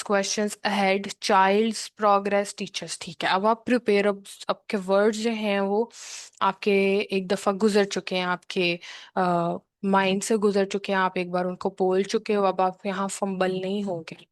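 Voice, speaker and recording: A woman's voice: medium pitch, no echo. Patient woman tutor, dry close sound. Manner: patient, repetitive explaining with frequent check-ins. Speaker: exam prep tutor. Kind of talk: explanatory lesson, mixing English terms into her talk.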